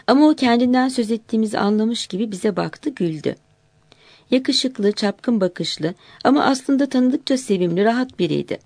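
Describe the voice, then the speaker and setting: A woman narrating an audiobook in a calm, measured reading voice. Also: on the high side, dry recording.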